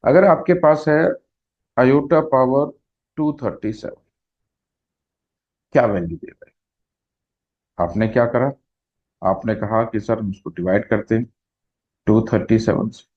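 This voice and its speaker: A male math teacher explaining slowly, step by step, who asks questions and answers them himself, mixing Hindi with English math terms. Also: fairly low pitch, muffled recording. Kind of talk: classroom lecture at a whiteboard.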